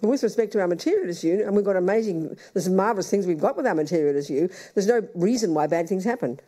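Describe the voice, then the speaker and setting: An older woman, a Buddhist nun, teaching in blunt, teasing short phrases, pausing for an interpreter. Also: medium pitch, lively intonation, warm tone. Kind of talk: dharma teaching with live interpretation.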